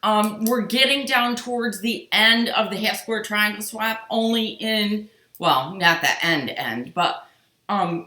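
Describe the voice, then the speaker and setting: A woman's voice: mid-range voice, pushed and bright. A middle-aged woman hosting a live quilting stream from her home sewing room, chatting with viewers and greeting them by name. She is tired and yawning as she talks into her computer webcam. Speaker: quilting show host. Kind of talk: live-stream casual chat. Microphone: computer webcam on sewing table. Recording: roomy home-room echo.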